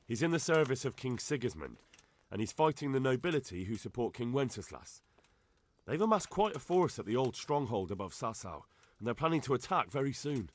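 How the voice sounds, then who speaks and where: In a video game cutscene, an actor voices an earnest young adult, a lord's son acting as messenger, who arrives with urgent news. He speaks plainly in a medium-pitched, sing-song voice at a slightly fast pace.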